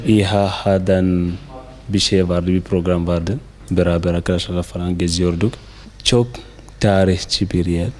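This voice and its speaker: Very deep young Cameroonian man, broken learner's speech. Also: mellow. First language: not Turkish. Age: young adult. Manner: hesitant, simple broken learner's Turkish. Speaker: foreign student being interviewed. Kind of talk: interview answers.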